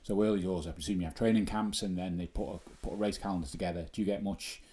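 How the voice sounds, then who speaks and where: A male interviewer speaks quickly in a low voice. He asks questions in a casual, conversational way, rephrasing himself as he goes. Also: fairly even intonation, mellow. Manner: loosely phrased, self-interrupting questions. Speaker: interviewer, podcast host.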